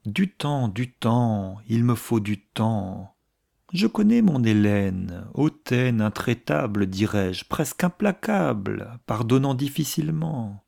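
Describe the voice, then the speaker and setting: A man reading a novel aloud, voicing an effusive, gossiping older aristocratic woman with theatrical, hushed asides. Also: medium pitch, lively intonation, takes it slowly, vocal fry, full character voice.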